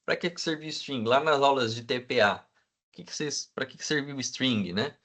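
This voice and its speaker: A man gives a classroom lecture at a middling pitch. He keeps checking that the students follow him and fills his pauses with hesitant sounds. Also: fairly bright tone. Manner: asks the class for agreement constantly. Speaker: teacher.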